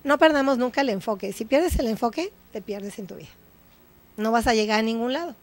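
A woman's voice: on the high side, brisk. A woman with a Mexican accent, a guest psychologist on an educational TV show, talking in a teaching way and often checking in with her listeners. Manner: didactic, checks in with tag questions. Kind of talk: educational TV talk.

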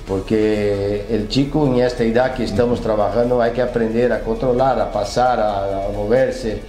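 A man in his sixties with a Brazilian accent, a former footballer and academy director answering interview questions in a relaxed, hesitant way full of fillers. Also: fairly low pitch, moderate pace, reverberant, soft background music. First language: Portuguese. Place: television studio.

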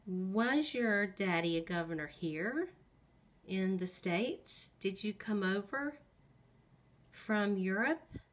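A woman talking to a ghost in a coaxing, soothing way, asking gentle questions in a slightly husky voice that often drops toward a whisper. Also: medium pitch, expressive, slow pace. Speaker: paranormal investigator running a spirit session.

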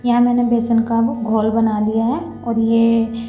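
A woman in her thirties hosting a home cooking video, calmly explaining each step in her kitchen. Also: fairly high pitch, a little slow, echoey room, muffled recording, faint music behind. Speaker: cooking channel host.

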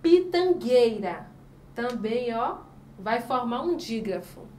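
A Brazilian woman teaches a children's review lesson in a high, bright voice. She sounds out example words slowly and answers the questions she asks. She is some way from the mic in an echoey room, with faint background noise. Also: expressive, far from the mic. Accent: Brazilian Portuguese. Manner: slow, emphatic spelling out of example words.

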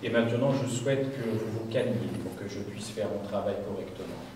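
A preacher voicing a calm devout surgeon. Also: male voice, on the low side, lightly acted. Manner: calm, measured, patient. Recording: echoey church, far from the mic, background noise.

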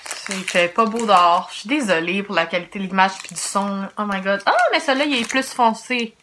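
Québécois woman in her thirties for a quiet home snack vlog, chatty reactions, noisy mic with crinkling packaging. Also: medium pitch, brisk. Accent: Québécois French. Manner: chatty, reacting aloud while tasting, talking quietly. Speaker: vlogger. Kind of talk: casual snack tasting vlog. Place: home, indoors.

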